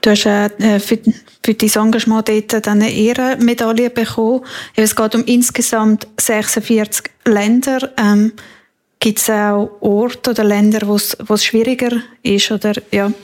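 A woman's voice: a little high, flat delivery, a little slow, darkish tone. A woman with a Swiss German accent asking conversational interview questions, hesitantly feeling her way through them.

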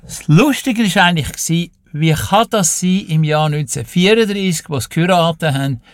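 Recorded in the studio with no echo, a Swiss man in his 80s speaks briskly in a voice on the high side. He is a radio guest and music presenter from Switzerland, Swiss German, sharing life stories in a relaxed, chatty interview.

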